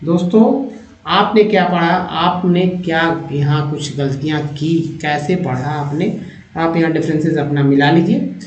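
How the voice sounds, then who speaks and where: A man teaching a lesson on reading English, sounding out words slowly and spelling letters aloud. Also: on the high side, fairly even intonation, a little hiss or hum. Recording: roomy, dull lo-fi sound.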